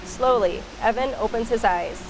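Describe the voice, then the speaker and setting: With background noise behind her, a woman reads a children's picture book aloud in an expressive, storytelling way. Her pitch is fairly high and her speed normal.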